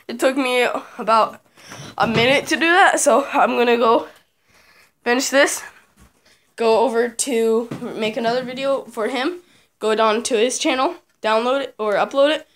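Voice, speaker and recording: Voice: mid-range voice, measured pace, a bit bright. A vlogger chatting casually to viewers in an informal, unscripted way. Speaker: video creator. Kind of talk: casual vlog chat.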